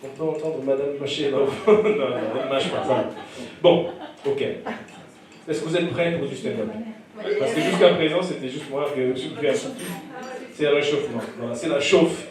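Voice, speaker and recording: A man works a dinner crowd as a stand-up emcee, joking and teasing people at their tables. His voice sits a little high and carries from a distance through a boomy, echoing room. A lively audience murmurs all around him. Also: normal speed. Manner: teasing, banters with diners. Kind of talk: live stand-up crowd work. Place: comedy club during dinner service.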